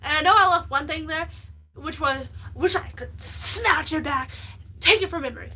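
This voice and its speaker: High, bright-voiced woman rambling excitedly. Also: moderate pace, low-quality recording. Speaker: livestreamer. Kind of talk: casual livestream chat.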